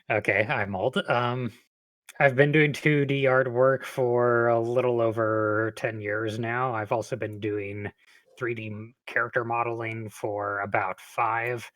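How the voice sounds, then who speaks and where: A man's voice: medium pitch, steady tone, takes it slowly, a bit bright, dry recording. A man talking casually as a podcast guest, hesitant and self-deprecating, laughing at himself often. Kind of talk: casual chat.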